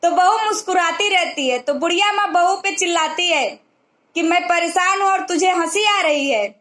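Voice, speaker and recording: A woman's voice: very high-pitched, moderate pace, a bit bright, roomy sound. A woman casually telling a short moral story, retelling the dialogue plainly as she goes.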